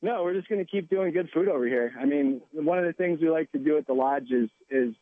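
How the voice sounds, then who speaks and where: A chef calling in by phone to a radio show, relaxed and joking in casual chat. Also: male voice, a little high, a little fast, no echo. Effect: voice heard over the phone. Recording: tinny phone line.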